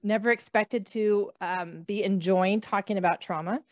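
Over a video call from a small room at home, a physician in her thirties tells her story with plenty of fillers. She comes from the northern United States near the Canadian border, speaking at a medium pitch and moderate pace on a podcast mic, with a dry recording.

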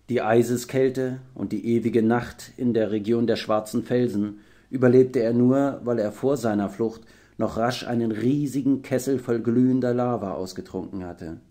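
A man reading a children's book aloud as an audiobook narrator, with a measured, expressive delivery. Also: fairly low pitch. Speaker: audiobook reader. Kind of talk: storytelling narration.

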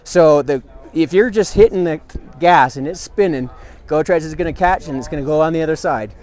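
A man in his thirties, working as a product representative, gives an eager, hands-on demonstration at an outdoor expo booth, enthusiastic and explanatory as he shows how things work. His voice sits a little high, with a darkish tone and a brisk pace. A camera mic a few feet away picks him up, with soft music playing in the background.

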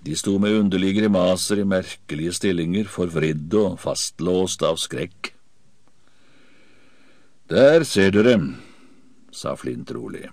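Male audiobook narrator, deep voice, dramatic first-person reading, dry close sound. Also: hardly any pauses, a little mellow, no echo.

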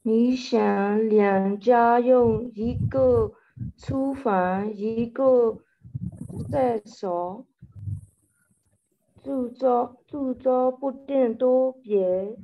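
A woman student reading a textbook sentence aloud in a halting, drawn-out way. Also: fairly high pitch, vocal fry. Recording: dull, slightly noisy call audio.

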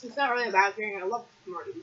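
A woman chatting casually and loudly on a vlog, teasing her co-host and often shouting during a candy challenge. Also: mid-range voice, fast talker, highs cut off.

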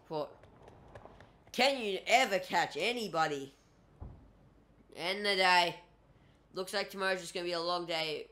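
A young man giving casual, excitable gameplay commentary as a YouTuber, talking to himself and swearing at the game. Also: a little high. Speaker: gaming YouTuber.

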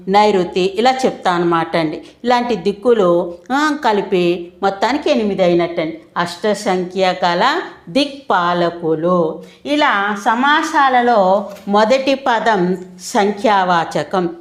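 A woman's voice: medium pitch, animated, a little slow. A middle-aged woman with a Telugu accent teaching a grammar lesson, who asks questions and answers them herself while repeating the key terms.

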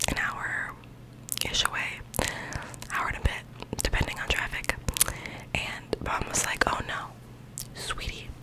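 Young girl, adult, doing asmr, intimate whisper right on the mic, rambly casual chat. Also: low-quality recording. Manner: rambling, informal, full of "like". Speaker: ASMR creator. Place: small bedroom, indoors. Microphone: large microphone with foam cover, very close.

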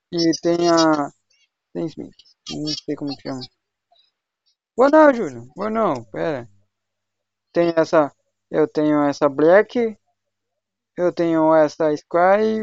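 Creaky and a little mellow, a slightly high male voice belongs to a young Brazilian gamer bantering casually with voice chat on his livestream. He's slangy and talkative, recorded on a dull, lo-fi home mic.

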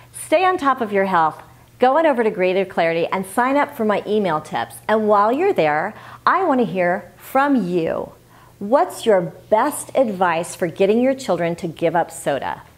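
A woman hosting a health tips video, speaking to camera in an emphatic, scripted style full of rhetorical questions. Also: medium pitch.

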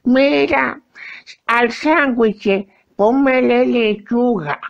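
A nagging old wife in a high, creaky, very slow drawl. She barks orders at her husband. The sound is muffled and lo-fi. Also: full character voice. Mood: bossy. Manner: drawling, demanding.

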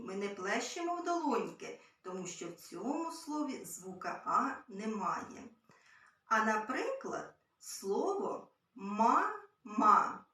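Gentle woman teaching small children. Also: medium pitch. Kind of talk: early-years literacy lesson. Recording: very echoey room, far from mic.

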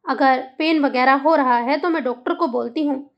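A woman voicing an older mother figure who calms and gently admonishes. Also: sits high, normal speed, dull audio. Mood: soothing. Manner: calming, admonishing.

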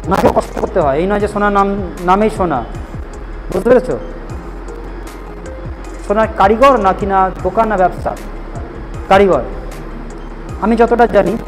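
Male teacher, high voice, firm classroom lecture, faint music behind. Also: moderate pace, long pauses, poor audio. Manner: firm, repeatedly checks understanding. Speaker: spoken English teacher. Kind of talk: classroom lecture, scolding and advising students.

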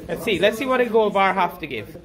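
A man's voice: high-pitched, lively intonation, quick pace. Upbeat man vlogging by phone. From Guyana. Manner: upbeat, enthusiastic running commentary. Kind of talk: casual handheld vlog commentary. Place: hotel room and lobby, indoors. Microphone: phone camera held at arm's length. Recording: phone video amid loud crowd chatter.

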